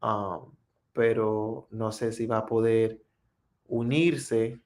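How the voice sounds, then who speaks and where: A man's voice: fairly low pitch, steady tone, a little mellow. A man whose first language is English, hosting a casual live practice stream and answering viewers in English and Spanish. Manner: unhurried, friendly, answers viewer comments.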